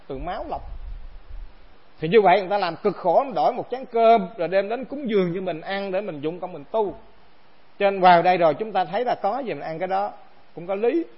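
A man's voice: sits high, breathy edge. A man, a monk giving a Buddhist dharma talk to the assembly, casual and conversational, often asking rhetorical questions. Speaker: monk teacher. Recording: dull lo-fi recording.

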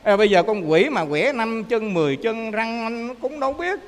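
A man with a Southern Vietnamese accent, a Buddhist monk giving a lively dharma talk that often checks in with his listeners. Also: extremely high pitch, moderate pace, long reverb tail, slight background noise. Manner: lively storyteller, often asks listeners to confirm.

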